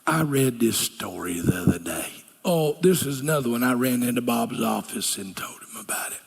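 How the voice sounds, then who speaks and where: A man's voice: medium pitch, animated, normal speed, creaky, slightly rough. An older man preaching a sermon as a pastor, folksy and earnest, dropping to a whisper for key lines. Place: church sanctuary. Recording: church hall reverb.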